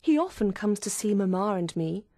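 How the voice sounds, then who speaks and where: A woman's voice: mid-range voice, lively intonation, normal speed, dark tone, dry recording, studio quality. Woman reading as a gushing young letter-writer. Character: young woman writing cheerful letters to a friend.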